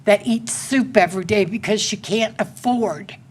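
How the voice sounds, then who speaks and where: A woman's voice: medium pitch, moderate pace, slightly rough. A woman in her sixties with a Central Texas accent, pleading plainly during public comment at a city council meeting, speaking into a podium microphone. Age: 60s.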